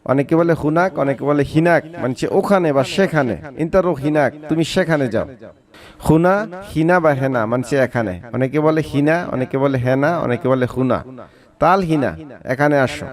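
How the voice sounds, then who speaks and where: Male tutor, a bit high-voiced, patient drill-style vocabulary teaching. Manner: repeats each word slowly, then gives its meaning. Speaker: Arabic language teacher. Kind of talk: vocabulary lesson.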